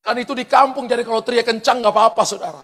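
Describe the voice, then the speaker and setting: A pastor telling personal stories in a sermon, animated, often shouting out quoted lines and laughing as he goes. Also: very high voice, very fast. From eastern Indonesia. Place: large church hall. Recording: long hall reverb from church sound system.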